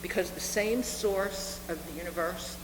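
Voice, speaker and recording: A reverend in her seventies preaches to her congregation, her voice lowish, earnest and deliberate, returning to phrases again and again for emphasis. It's captured on a live speaking microphone in a reverberant meeting hall, so the sound is echoey, with room noise and a hum.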